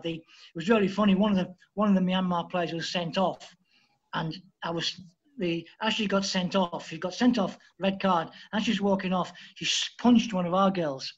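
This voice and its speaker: A man from Liverpool, a football coach telling lively anecdotes as a podcast guest and acting out the dialogue. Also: high-pitched, moderate pace, highs cut off. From Liverpool, England. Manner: lively storyteller who acts out quoted dialogue. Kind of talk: anecdotal interview storytelling.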